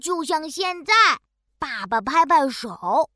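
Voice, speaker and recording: A woman's voice: high voice, expressive, slow pace, fairly bright tone, dry recording, studio quality, heavily acted. A woman voicing a cheerful, proud little boy bear cub in a children's storybook, playful and sing-song, with sound effects. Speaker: storybook narrator in character.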